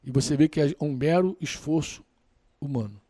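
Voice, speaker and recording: Man, sermon, high voice, dry sound, colloquial and lively. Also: moderate pace, no echo. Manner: lively, colloquial preaching, acting out quoted dialogue. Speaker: preacher.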